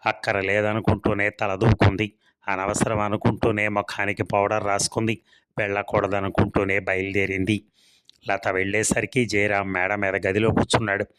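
A man reading a storybook serial in steady, scripted narration. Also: on the low side, normal speed, smooth, dry recording.

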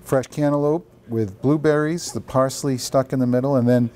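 A middle-aged man co-hosts a cooking demonstration in a large kitchen, chatting casually. His mid-range, warm voice keeps a steady tone at normal speed, with faint background noise in the recording.

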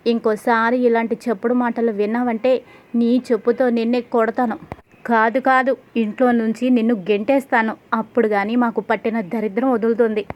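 A woman's voice: fairly high pitch, flat delivery, normal speed, close to an everyday voice. A woman voicing an angry, hurt middle-aged mother who scolds, read in a level tone. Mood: scolding.

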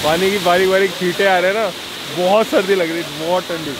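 Brief: young male travel vlogger, slightly high voice, chatty and excited, outdoors with rushing water behind. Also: background noise. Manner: chatty, excitable, often laughing along. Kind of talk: casual on-the-go vlog chat. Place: outdoors by a mountain river and waterfall. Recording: outdoor vlog with loud river rush.

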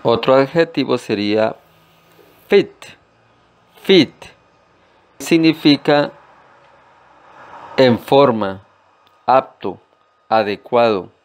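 Slow, deliberate male language teacher. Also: mid-range voice. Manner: slow and deliberate, repeating each word carefully. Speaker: English teacher. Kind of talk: slow-paced language lesson.

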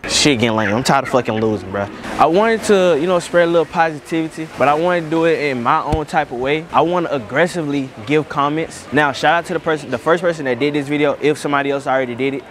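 A man's voice: on the high side, quick pace, few pauses, noisy background. A young man chatting casually and playfully in slang for a street vlog, swearing often. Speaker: vlogger.

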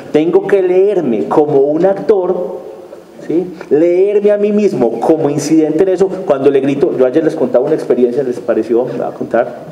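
A man's voice: medium pitch, dark tone. A man giving a conference lecture, engaging the audience with rhetorical questions and a frequent tag question. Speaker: conference speaker. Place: conference hall. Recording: echoey hall, faint background noise.

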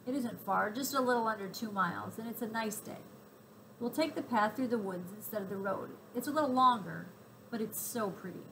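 A woman reading aloud, voicing a calm, gentle mother speaking to her daughters. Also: a little high, brisk, a little hiss or hum, low-quality recording. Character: calm, warm mother of two girls.

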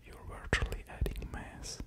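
A man in his thirties giving a whispered ASMR lecture, slow and deliberate, very close to studio microphones at the ear. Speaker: ASMR creator explaining physics. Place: small quiet room at home, indoors. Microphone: pair of studio condenser microphones with pop filters, very close.

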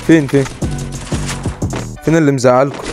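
A man with an Egyptian Arabic accent giving excitable live commentary over his gameplay, calling out to his viewers. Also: mid-range voice, fast. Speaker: gaming YouTuber. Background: game music and gunfire.

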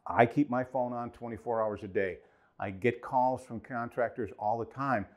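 A man's voice: mid-range voice, normal speed. A man in his forties demos a tool for heating technicians and leans hard on the points that matter. He talks with his hands and repeats himself for emphasis. He is close on a lapel mic in a treated studio room. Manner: emphatic, gestures a lot, repeats key points. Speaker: HVAC trainer for a distributor. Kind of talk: product demo and technical explainer. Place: indoor studio with whiteboard and acoustic foam.

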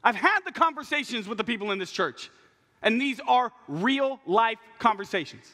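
A young man preaching a passionate, animated sermon from a church pulpit, acting out what people say. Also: extremely high pitch, moderate pace. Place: large church stage at a pulpit. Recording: long reverb of a large hall.

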